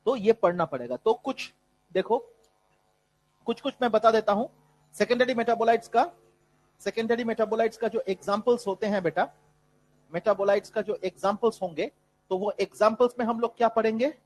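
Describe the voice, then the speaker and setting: A man with a high voice lectures a biology class in that carries an influence. He switches freely into English for the terms and keeps calling his students "beta". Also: steady tone, a little fast, long pauses, slight background noise, poor audio. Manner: mixes Hindi and English, calls students "beta". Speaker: biology teacher.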